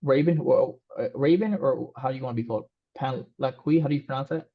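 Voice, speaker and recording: This coding instructor from Mexico, whose first language is Spanish, talks a little fast in a mid-range voice. His online lesson is loose and casual, with frequent fillers and restarts, captured in slightly dull, lo-fi audio.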